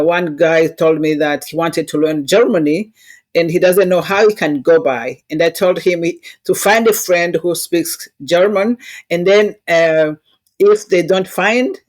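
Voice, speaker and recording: A woman with a Rwandan accent, a diversity consultant appearing as an interview guest, answers conversationally and shares anecdotes in an earnest, instructive manner. Her phrasing is non-native, and her voice is lowish with a darkish tone.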